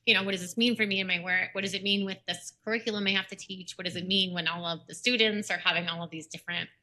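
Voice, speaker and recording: Woman, teacher of teachers, very bright sharp tone, casual, filler-heavy chat. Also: medium pitch, fairly even intonation, quick pace. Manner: chatty, lots of like and you know. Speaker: teacher educator, podcast guest.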